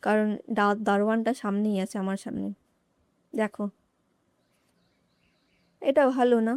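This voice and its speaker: Chatty mellow-voiced teenage woman vlogging. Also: medium pitch, fairly even intonation, unhurried, clear, resonant tone, no echo. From North Bengal, India. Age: late teens. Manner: chatty, talks straight to viewers, grumbles and jokes. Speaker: student vlogger. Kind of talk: casual vlog narration. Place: walking around a coaching centre building.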